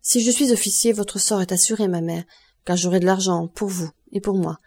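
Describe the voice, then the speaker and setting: Woman reading young man, earnest, devoted son, persuasive, mellow voice, audiobook. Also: medium pitch, fairly even intonation, brisk, breathy edge. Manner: earnest, persuasive, forced cheer.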